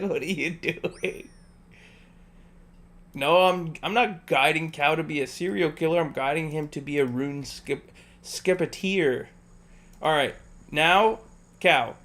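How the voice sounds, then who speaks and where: A man's voice: fairly high pitch, fairly bright tone. A man streaming a game and walking a friend through it step by step, patiently repeating instructions and joking between them. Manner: jokey, laughs between instructions. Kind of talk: casual gameplay livestream, coaching a friend.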